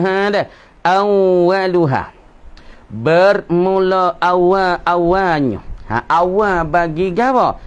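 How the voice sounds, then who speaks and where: A male religious teacher with a Kelantan Malay accent and a voice pitched a little high. He reads out Arabic lines in a slow chant and then explains them quickly in local dialect. He keeps asking questions and answering them himself. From southern Thailand. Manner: asks and answers his own questions. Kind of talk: kitab study lecture.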